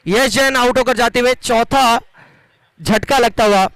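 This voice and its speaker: High-pitched man commentating on cricket. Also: fairly bright tone, clear, resonant tone, no room sound. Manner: dramatic, flowery phrasing with drawn-out emphasis. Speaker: cricket commentator and match announcer.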